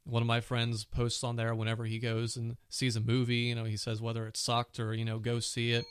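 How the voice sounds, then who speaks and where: A man hosts his own casual tech podcast with a cold and a sore throat, his medium-pitched voice monotone yet brisk, clear and resonant. He's chatty and leans on "you know" and other fillers constantly. The studio-quality recording has no room sound.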